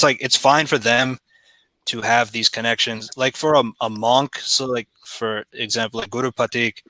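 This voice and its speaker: A man's voice: medium pitch, bright, forceful tone, no room sound, low-quality recording. A man with an Indian accent reviewing a cartoon series in casual chat, rambling with many fillers and restarts.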